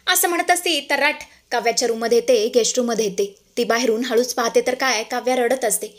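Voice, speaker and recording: Woman, recap narrator, dramatic, repetitive, fairly high voice. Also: fast talker. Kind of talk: casual TV serial recap narration.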